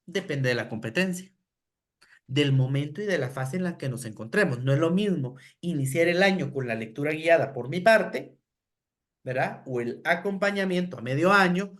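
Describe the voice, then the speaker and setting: A middle-aged man with a Guatemalan Spanish accent gives a teacher-training lecture, explaining step by step and often asking rhetorical questions with a tag "¿verdad?". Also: on the high side. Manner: acts out classroom phrases in a raised voice. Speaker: education lecturer.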